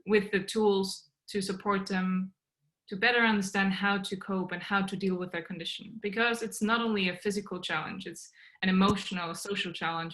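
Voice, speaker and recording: A young Austrian woman, a native German speaker, answers podcast interview questions over a video call from a small bedroom at home. She's a startup co-founder explaining her work earnestly, in a mid-range, fairly bright voice. The audio quality is poor.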